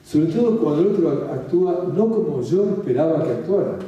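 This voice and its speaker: Man, Rioplatense Spanish accent, spiritual talk, calm and repetitive, slightly high voice, heard from a distance. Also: a little fast, lo-fi sound. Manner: calm, repeats phrases, checks in with listeners. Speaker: spiritual speaker. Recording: very echoey room, mic far off.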